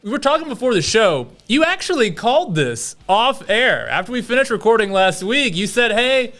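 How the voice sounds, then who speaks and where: A man's voice: very high-pitched, big pitch swings, normal speed, a bit bright. A man hosting a podcast, upbeat and conversational as he steers the talk. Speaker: podcast host. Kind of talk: casual podcast chat.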